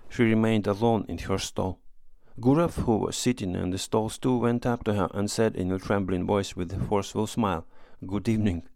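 A man narrating a classic story as an audiobook reader, in a steady, measured manner. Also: fairly low pitch, no room sound.

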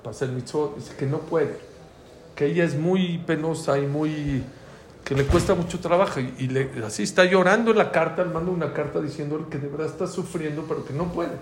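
Speaking briskly in a fairly high voice, this middle-aged Mexican Spanish-accented man runs an informal religion class full of anecdotes. He's a lively storyteller who performs the dialogue, and the recording has echo and faint ambient noise.

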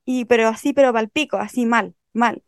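A woman's voice: fairly high pitch, fairly quick, clear, resonant tone, dry recording, studio quality. A young woman with a Chilean accent, telling a story animatedly with slang. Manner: animated, acts out scenes with slang. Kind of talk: casual storytelling.

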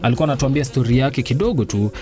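Fast-talking Kenyan male radio host. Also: medium pitch, over music. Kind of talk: lively student radio hosting in casual chat. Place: radio studio.

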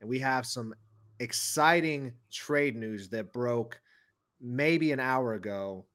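A man's voice: medium pitch, slow, a bit bright. A man co-hosting a casual sports podcast, upbeat and joking, laughing often as he steers the talk. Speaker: podcast co-host.

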